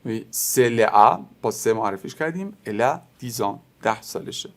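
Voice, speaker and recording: A man whose first language is Persian, teaching a beginners' French lesson, explaining step by step and slowly repeating example words. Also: mid-range voice, lively intonation, a bit bright.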